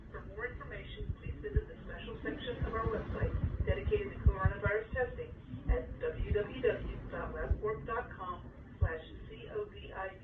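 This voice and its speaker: A recorded phone menu message voiced by a man, formal and measured, with a high, lively pitch. It plays over a thin, phone-like line with a roomy echo, set back from the mic under a steady hiss. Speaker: automated phone line announcer. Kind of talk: scripted phone menu prompts. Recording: tinny phone line, echoey, distant, hissy.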